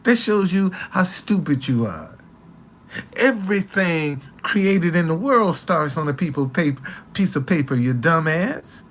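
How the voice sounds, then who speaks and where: A man in his late sixties talking casually to the camera with slangy street swagger, repeating himself in animated, indignant retorts. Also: fairly high pitch, unhurried, slight background noise. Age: 60s.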